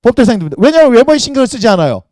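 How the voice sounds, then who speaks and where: A male pastor preaches to young people in a high, swooping voice that jumps up and down constantly. He fires rhetorical questions at the room and acts out little scenes. The sound is close and dry. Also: rapid-fire, no room sound. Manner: animated, talks to the congregation with rhetorical questions and acted quotes. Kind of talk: lively youth sermon.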